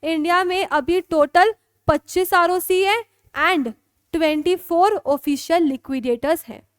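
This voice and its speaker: A woman's voice: very high voice, a little slow, no echo, studio quality. A woman teaching law in a classroom lecture with an Indian accent, mixing Hindi and English and often checking that students follow.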